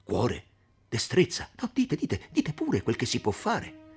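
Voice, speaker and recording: An eager young village man, earnest and excited, in a storybook reading, as a male reader puts him on. His voice sits raised well above the reader's own, with a gravelly edge and a husky texture. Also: high voice, normal speed, faint music behind, pitched above the performer's own voice, full character voice. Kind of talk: audiobook reading.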